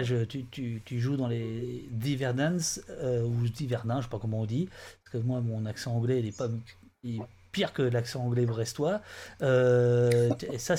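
A man's voice: mid-range voice, a little mellow, a little hiss or hum. A man hosting an interview, hesitant and full of restarts as he asks his guests about their book. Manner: hesitant, many restarts and fillers. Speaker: host. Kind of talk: casual interview chat.

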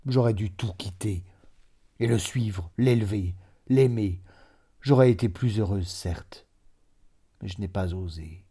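A man's voice: fairly low pitch, measured pace, long pauses, mellow, breathy edge. Man doing a grieving aging mother, anguished, slips into whispers, audiobook figure.

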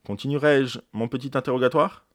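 Man reading as a brisk police commissioner. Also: medium pitch, fairly even intonation, no echo, clean studio sound, voice pushed up, close to an everyday voice. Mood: commanding.

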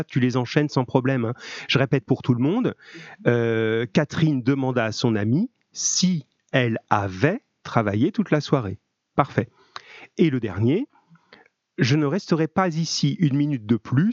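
A man's voice: medium pitch, no room sound, lo-fi sound. Encouraging male teacher on a call. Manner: encouraging, chatty, many fillers. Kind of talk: live online grammar class.

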